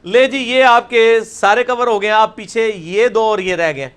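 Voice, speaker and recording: A man teaching a recitation class over a video call, repeating each sound slowly and loudly for his students. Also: high voice, fairly even intonation, clean tone.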